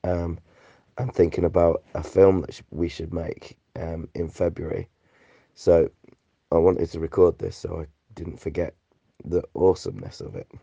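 A man's voice: low voice, level tone, unhurried, vocal fry, mellow, slightly rough, dry recording. A British man with a rattly, chesty, flu-ridden voice, rambling casually through a sweary, slangy, laid-back voice note. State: sick with flu and a phlegmy cough. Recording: dull lo-fi voice recording.

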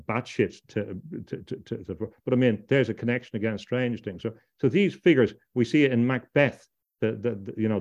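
A man's voice: lowish voice, darkish tone, lo-fi sound. A middle-aged man from Ireland, a podcast guest, talking at length in a discursive way, often repeating words and restarting his sentences. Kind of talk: discursive interview talk.

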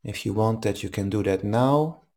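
A man leading a guided meditation as a teacher, speaking in a calm, soothing manner with long pauses. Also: fairly low pitch. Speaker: meditation teacher leading a live online session.

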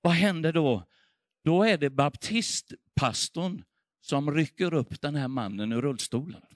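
A middle-aged man preaching a sermon, telling a revival story with fervour, swinging between hushed and loud passages. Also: fairly high pitch, expressive. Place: church.

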